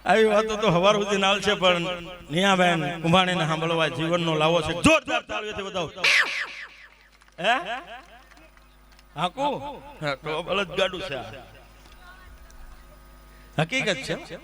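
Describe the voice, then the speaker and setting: A dayro storyteller performs comic folk stories live on stage before a crowd, animatedly telling jokes and acting out quoted dialogue. His voice is high and a little slow, marked by long pauses, and the stage recording picks up the audience around him.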